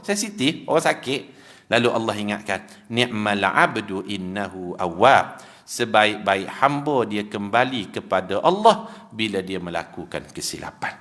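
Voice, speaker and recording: A man preaching with a Malaysian Malay accent, telling stories animatedly and acting out the dialogue. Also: mid-range voice. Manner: animated storytelling, acts out dialogue, chuckles. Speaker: religious teacher. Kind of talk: sermon. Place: prayer hall.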